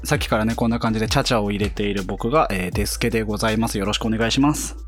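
A man's voice: on the low side, rapid-fire, faint music behind. A man co-hosting a casual net radio show, chatting and chipping in with teasing remarks. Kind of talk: casual chat, teasing interjections.

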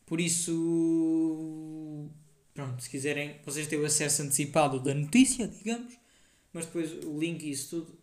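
Young male host, European Portuguese accent, high-ish voice, rambling slangy chat, echoey room. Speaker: podcast host. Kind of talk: casual solo podcast chat.

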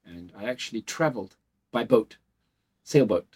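Low-voiced man telling stories with many ums. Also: moderate pace, husky. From South Africa and Portugal. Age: 40s. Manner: relaxed, rambling storytelling with many fillers. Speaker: interview guest, clinic founder. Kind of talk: casual interview talk. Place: dental clinic office.

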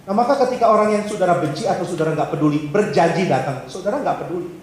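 High-voiced man preaching in an echoey hall. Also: quick pace. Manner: humorous, acts out little dialogues in changed voices. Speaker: pastor. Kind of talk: sermon. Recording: very echoey hall, faint background hiss.

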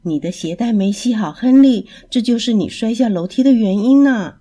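A woman voicing a patient, kindly male cat who explains things gently in a storybook. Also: medium pitch, animated, moderate pace, breathy edge.

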